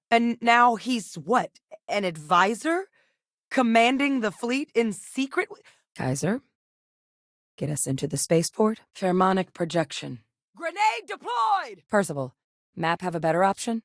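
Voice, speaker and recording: In a video game, an actress voices a steady, guarded former soldier who became a scientist, talking in a measured, matter-of-fact way and barking orders during combat. Her female voice sits lowish, and the studio-quality recording has no echo. The mood starts bitter, then turns to combat shouts.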